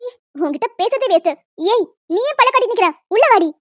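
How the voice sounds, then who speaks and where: A woman voicing a hot-tempered cartoon housewife who scolds in harsh, shouting tirades. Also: very high voice, very fast, no room sound. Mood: angry. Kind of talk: animated cartoon voice acting.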